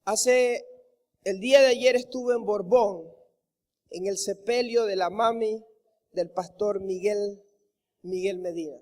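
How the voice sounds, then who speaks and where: A man's voice: high-pitched, fairly even intonation, slow, long pauses, darkish tone, in a large hall. A male pastor preaching a sermon, emphatic, repeating his phrases and calling his listeners brother.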